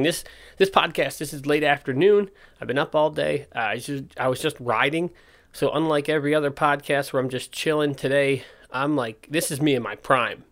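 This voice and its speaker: A man's voice: fairly high pitch, fairly bright tone. Casual man with slight missing-front-teeth lisp. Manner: informal, self-interrupting, candid rambling. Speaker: podcast host and skate park owner. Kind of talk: casual solo podcast talk.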